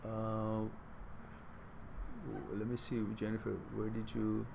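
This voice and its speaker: A man's voice: lowish voice, completely flat delivery, slow pace, gravelly, noisy background. A middle-aged man hosting a live question-and-answer stream, giving reflective advice and reading out viewers' messages. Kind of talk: casual live advice talk.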